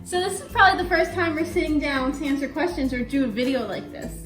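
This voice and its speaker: High-voiced cheerful woman hosting. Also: fast talker, fairly bright tone, reverberant, soft background music. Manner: chatty, cheerful, giggles between remarks. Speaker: host. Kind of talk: casual chat answering viewer questions. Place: room at home.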